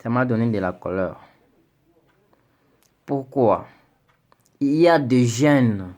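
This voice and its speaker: Speaking slowly in an expressive, medium-pitched, slightly mellow voice, a young man from Congo records a video plea to his president. He's earnest, then grows indignant, with stammered repetitions along the way.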